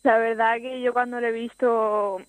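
A woman's voice: on the high side, level tone, normal speed, no room sound, rough recording. A teenage girl from Spain, a footballer, talking hesitantly over the phone in a radio interview and laughing often. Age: teens. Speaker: youth footballer guest. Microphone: phone line.

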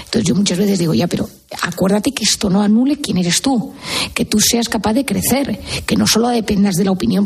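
Gravelly earnest woman explaining. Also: medium pitch, a little mellow. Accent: Spain Spanish. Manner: earnest, explains with example questions. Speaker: psychiatrist guest. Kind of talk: explanatory radio talk.

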